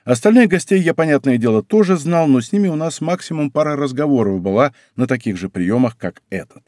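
A man narrating a first-person story as an audiobook, in an expressive, conversational way. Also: mid-range voice, a little fast, no room sound, studio quality.

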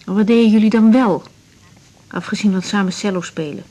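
An actress in a naturalistic 1980s radio drama plays a young woman doctor who is hurt, suspicious, and bluntly confrontational. Her medium-pitched voice is dark, natural, and fairly quick, heard over a noisy recording.

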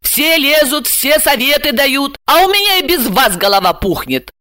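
A woman voicing a hot-tempered, indignant housewife who snaps and shouts. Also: high voice, expressive, normal speed, pitched above the performer's own voice. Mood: furious. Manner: loud, snapping, exclamatory.

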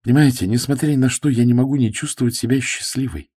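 A man voicing a lively teasing young woman. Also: medium pitch, fast talker, slightly rough, no echo, studio quality, pitched above the performer's own voice, close to an everyday voice. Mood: wistful. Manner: teasing, sarcastic.

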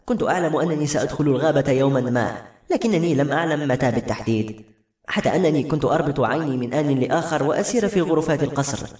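A wise blind queen speaks calmly and with quiet dignity, voiced by a male storyteller. The delivery is quick and the room adds a noticeable echo. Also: on the high side, recorded from a distance, natural voice. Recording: echoey room.

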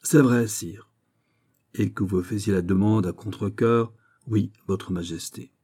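A man voicing a proud young male king who is quick to anger, speaking in a clipped, imperious way that rises in anger. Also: lowish voice, mellow, slightly rough. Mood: probing.

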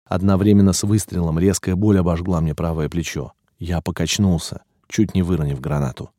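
A male audiobook narrator reading a first-person story in a steady, even way. His voice is very deep and mellow. The recording is dry and close, with no room around it. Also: fairly quick, dry recording.

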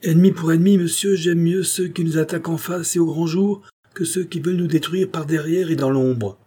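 A man's voice: moderate pace, a little mellow, breathy edge, close to an everyday voice. A man reading aloud, voicing a proud, frightened queen who speaks haughtily and indignantly. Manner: haughty, indignant, rising pitch.

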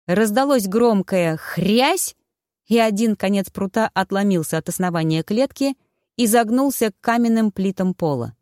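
An audiobook narrator reading a fantasy story in a steady, even storytelling manner. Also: medium pitch, moderate pace, no room sound, clean studio sound. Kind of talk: scripted narration.

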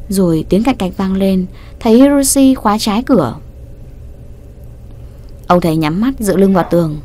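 A woman narrating an audiobook in an even, unhurried voice. Her pitch sits in the middle, and she keeps the storytelling steady from line to line. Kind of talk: scripted narration.

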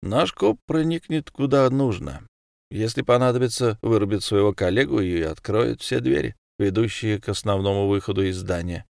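A man's voice: fairly low pitch, normal speed, creaky, a little mellow, no echo, clean studio sound. A man voicing a cold, calculating prison gang boss who speaks in terse commands. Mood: commanding.

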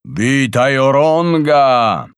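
A man voicing a huge old male whale in a storybook reading, speaking slowly and weightily. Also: medium pitch, lively intonation, clear, resonant tone, no room sound. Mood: solemn.

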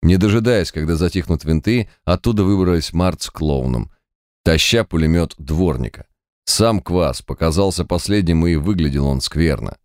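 A man's voice: sits low, moderate pace, no echo, studio quality. A man narrating an audiobook, voicing each character himself. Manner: reads every character himself in an expressive audiobook voice. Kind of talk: scripted narration.

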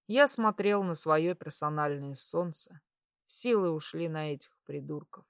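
A woman reading a first-person story aloud in a calm, measured way. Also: low voice, dry recording, clean studio sound. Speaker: audiobook narrator. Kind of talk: scripted first-person narration.

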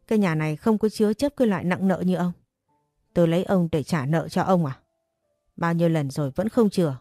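A woman voicing a furious, wailing middle-aged mother who scolds and curses in a shrill way, read as an audiobook story. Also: fairly quick, warm tone, dry recording, clean studio sound, soft background music, lightly acted.

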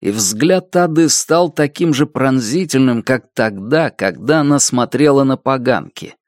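Lively, expressive audiobook narrator. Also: mid-range voice, measured pace, no echo, clean studio sound. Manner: expressive storytelling reading.

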